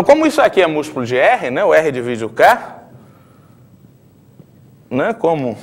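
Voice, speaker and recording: Brazilian man lecturing on math. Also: on the high side. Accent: Brazilian Portuguese. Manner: explanatory, frequent tag questions, thinking aloud at the board. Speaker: math professor.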